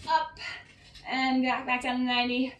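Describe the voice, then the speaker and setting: A woman's voice: sits high, steady tone, normal speed, a bit bright, far from the mic, slight background noise. A woman fitness coach guiding a workout, encouraging and cueing each breath and rep, a little out of breath. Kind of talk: workout instruction. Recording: roomy sound, voice off-mic.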